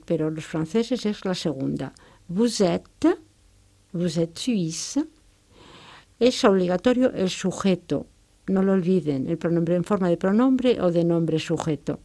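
A woman teaching French, explaining sounds and grammar with a clear, careful delivery and French examples. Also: on the low side, moderate pace, warm tone.

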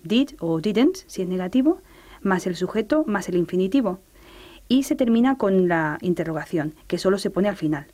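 A woman teaching English grammar in a radio lesson, explaining clearly and reading English examples slowly. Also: mid-range voice, lively intonation, warm tone.

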